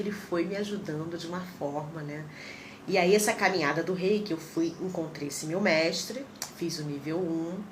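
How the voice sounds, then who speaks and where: A Brazilian woman in her thirties tells personal stories on a livestream, with a slightly low voice. She is animated and acts out the people she quotes. A clear layer of background noise sits behind her. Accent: Brazilian Portuguese. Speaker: reiki practitioner. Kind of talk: casual livestream chat.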